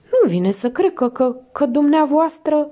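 Woman narrator doing a chatty, fussy country innkeeper lady: high, lively, mellow underneath. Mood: flustered. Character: talkative middle-aged female country innkeeper, fussy.

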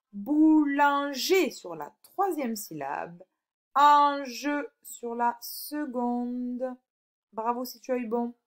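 Slow, deliberate woman teaching phonics. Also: mid-range voice, a little mellow. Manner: slow and deliberate, stretches out example words; addresses the child directly, checks in with "d'accord?". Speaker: primary school teacher. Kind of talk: recorded phonics lesson for a young child.

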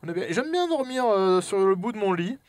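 Joueur français nerveux à la voix animée. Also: male voice, sits high, very animated, a little fast, dry recording. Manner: jokey, jumpy, swings from whispers to yelps. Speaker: let's play host. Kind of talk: horror game let's play commentary.

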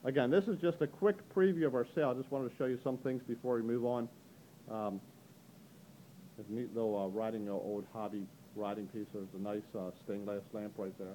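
A middle-aged man, an auctioneer, walking through an indoor antique gallery with a handheld camera and chatting upbeat about the items, often saying "ladies and gentlemen". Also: fairly low pitch, steady tone, a little fast, slight background noise, poor audio. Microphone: handheld camera mic, speaker behind the camera.

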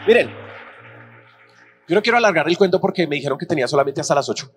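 A man preaching a sermon as pastor, telling personal stories animatedly and acting out the dialogue with shifting pitch. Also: animated, fast, faint music behind. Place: church auditorium. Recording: reverberant church hall with faint hum.

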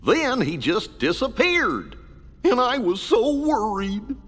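A man voicing Goofy, a dopey, good-natured male cartoon dog who talks slowly and stumbles over words. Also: very high voice, big pitch swings, fairly bright tone, soft background music, exaggerated voice. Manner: slow, dim-witted and stammering. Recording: long hall reverb.

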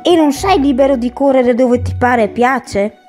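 A woman's voice: high-pitched, moderate pace, a little mellow, faint music behind, natural voice. A woman voicing a scrawny, hungry male wolf in a storybook fable who prizes his freedom, courtly in manner. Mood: indignant.

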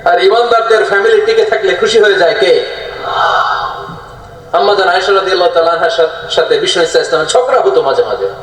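A man's voice: sits high, fast talker. A man preaching a sermon to a crowd, telling a story in a colloquial way and putting questions to the listeners, amplified over a public address system. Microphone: loudspeaker PA. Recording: heavy echo from loudspeakers.

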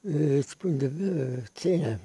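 An older man with a Moroccan Arabic accent, answering interview questions in halting, repeated words, recorded in an outdoor tent on a handheld mic. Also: a little high, noisy background. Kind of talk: casual talk.

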